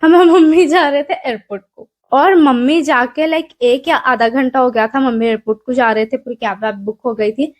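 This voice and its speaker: A woman's voice: sits high, normal speed, few pauses. A young woman vlogger with a Hyderabadi accent, telling a story in a casual, rambling way with lots of fillers, recorded on a mic in a small room. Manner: chatty, rambling, self-deprecating, many fillers.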